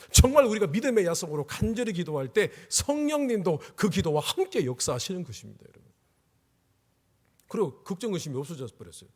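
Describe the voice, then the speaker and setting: A middle-aged man preaching in a church hall, his husky, fairly high voice swinging widely in pitch. The long reverb of the sanctuary trails behind his words as he tells his story with deep feeling. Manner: emotional storytelling, rising to pleading cries. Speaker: pastor. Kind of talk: revival sermon.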